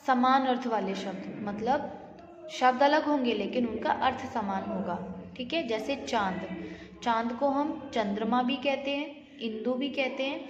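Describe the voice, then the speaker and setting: Woman teacher, asks and answers her own questions, long room reverb, slightly high pitch. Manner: asks questions then answers them, mixing in English words. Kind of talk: Hindi grammar lesson. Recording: echoey room, slightly dull audio.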